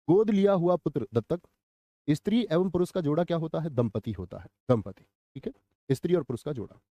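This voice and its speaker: A man's voice: on the high side, warm tone, no room sound. A young man teaching exam vocabulary in a live online class, quizzing viewers and repeating each answer.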